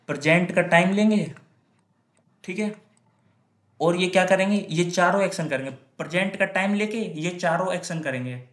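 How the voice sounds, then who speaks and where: A male grammar teacher lecturing in Hindi, asking and answering his own questions and repeating example sentences. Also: a little high. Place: classroom with whiteboard. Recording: echoey room.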